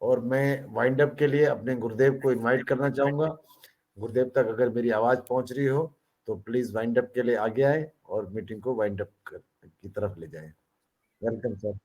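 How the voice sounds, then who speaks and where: A man's voice: medium pitch, moderate pace, darkish tone, rough recording. A man hosting an online meeting, chatting casually and playfully with folksy sayings. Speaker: meeting host. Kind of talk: casual motivational chat.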